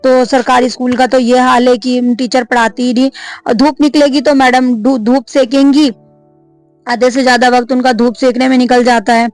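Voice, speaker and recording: A woman's voice: sits high, flat delivery, normal speed, darkish tone, no echo, soft background music. A woman in her thirties, a vlogger and mother, chatting casually to camera, many fillers, and a complaining tone.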